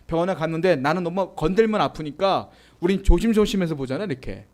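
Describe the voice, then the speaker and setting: A man's voice: on the high side, expressive, fast talker, darkish tone. A male pastor preaching a sermon in a conversational way, often asking the listeners questions and reading scripture aloud. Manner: reads scripture aloud with the congregation.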